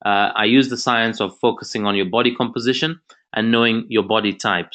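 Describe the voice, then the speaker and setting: A man from Zambia, presenting an online info session over a video call, gives an earnest motivational talk in long, flowing sentences. His voice is lowish with a sharp tone.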